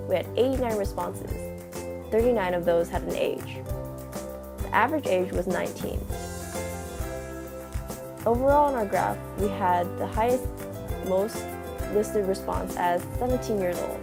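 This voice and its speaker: A young woman reads a scripted narration with a gravelly edge to her voice. Her pitch sits in the middle and her delivery stays steady and explanatory. Background music plays under her. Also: unhurried, long pauses. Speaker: student narrator presenting an experiment.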